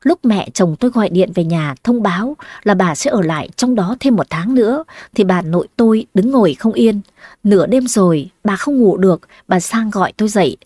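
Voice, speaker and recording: A woman telling a first-person family story, lively with dramatic exclamations. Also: medium pitch, no room sound, studio quality.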